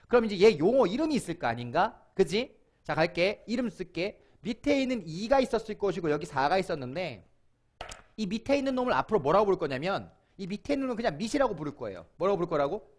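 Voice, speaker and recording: A middle-aged man teaching middle school math in an online lecture, constantly asking questions and having the listener repeat terms. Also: sits high. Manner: lively, questioning, calls on student.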